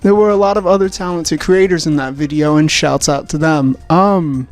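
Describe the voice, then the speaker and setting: A man's voice: fairly high pitch, moderate pace. Rambling, foul-mouthed young man vlogging. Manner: rambling, swearing, self-mocking. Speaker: video essay host. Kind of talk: casual video essay outro.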